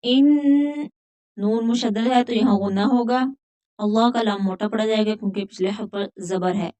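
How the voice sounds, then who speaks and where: A woman teaching a Quran recitation lesson, patiently explaining pronunciation rules step by step and repeating words slowly. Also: mid-range voice, level tone, mellow. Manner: recites verses in a drawn-out chant.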